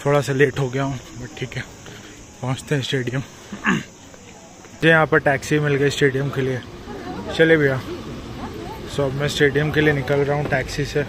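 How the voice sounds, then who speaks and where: A man's voice: medium pitch, a bit bright, a little hiss or hum. A young man filming a casual travel vlog on his phone at arm's length, chatting outdoors and mixing in English phrases. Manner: mixes Hindi with English phrases, chatty and upbeat. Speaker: travel vlogger. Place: outdoors on a hill-town rooftop and streets. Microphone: phone held at arm's length.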